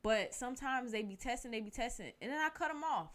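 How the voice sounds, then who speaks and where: A woman's voice: on the high side, animated, fast talker, a bit bright. A young woman in casual chat, blunt and emphatic, swearing freely and leaning on filler phrases.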